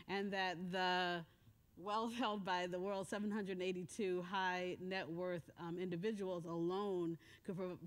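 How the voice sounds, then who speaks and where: Hurried woman giving a conference talk. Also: fairly low pitch. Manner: hurried, self-deprecating, laughs often. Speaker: conference speaker. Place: hotel conference room.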